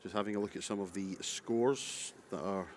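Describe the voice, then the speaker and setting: A man's voice: low-pitched, normal speed. A man giving live darts commentary alongside a co-commentator. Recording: faint venue noise behind.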